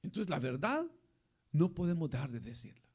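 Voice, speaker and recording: High-pitched, animated male pastor. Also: normal speed, husky. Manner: addresses listeners as "hermano" often, animated preaching. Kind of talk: Bible study sermon.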